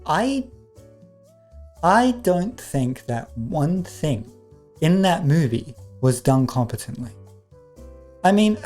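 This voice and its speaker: A man's voice: a little high, darkish tone. A man giving comedic review commentary, sarcastic and exasperated, swearing often. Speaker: movie reviewer.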